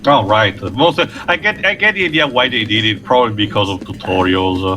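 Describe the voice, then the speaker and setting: A man casually commenting on a game replay, calmly explaining gameplay mechanics and character motives. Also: mid-range voice, fairly quick.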